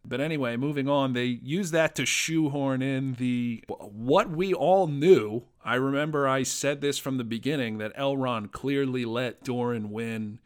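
A man's voice: medium pitch, measured pace, hardly any pauses, clear, resonant tone. A man hosting a casual spoken review, rambling and conversational with lots of fillers and restarts. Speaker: podcast host reviewing a TV episode.

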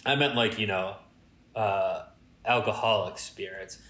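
Low-voiced, bright man in a roomy space. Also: unhurried. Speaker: podcast co-host. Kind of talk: casual improvised comedy chat.

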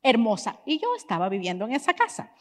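A woman delivers a sermon as a lively personal story, slipping English phrases into her speech. Her voice sits a little high and carries the long reverb of a church hall. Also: fast. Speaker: pastor's wife and preacher.

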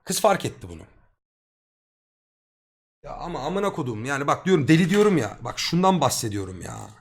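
A young man tells a long personal story to his live stream audience, his voice sitting a little on the high side. He talks in loose street slang and swears freely, getting excitable as he goes. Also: fairly quick, creaky. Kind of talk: casual storytelling to a live chat.

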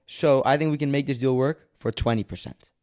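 A man's voice: medium pitch, fairly quick, darkish tone. A man co-hosting a casual comic podcast, playfully bargaining and asking questions. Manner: playful, repeatedly asks to put questions and bargains back. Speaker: podcast co-host.

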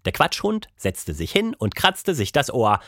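A man narrating a children's audiobook in a lively, expressive reading style. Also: mid-range voice, measured pace, dry recording, studio quality. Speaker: storyteller.

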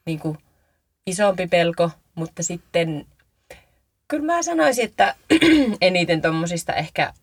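A woman's voice: lowish voice, big pitch swings, slightly rough, no echo. A young woman speaking in a hesitant, thoughtful way in a casual group chat.

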